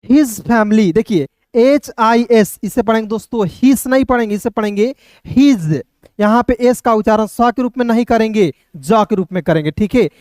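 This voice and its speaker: A man teaching English reading in Hindi, spelling words letter by letter and often checking if it's clear. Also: high voice, moderate pace, darkish tone, no echo, clean studio sound. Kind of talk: reading lesson taught in Hindi.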